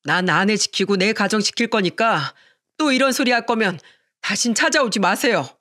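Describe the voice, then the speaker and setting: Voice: medium pitch, normal speed, pushed and bright, no room sound, clean studio sound, natural voice. A narrator doing an earnest, pleading husband. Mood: pleading, firm. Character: pleading, protective grown son and husband.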